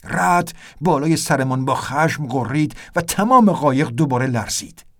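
A man's voice: a little high, animated. A man narrating an audiobook adventure in a tense, vivid storytelling manner.

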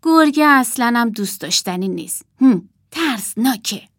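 A woman voicing Martha, a stubborn little girl who refuses things flatly. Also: on the high side, no echo, studio quality, voice pushed up.

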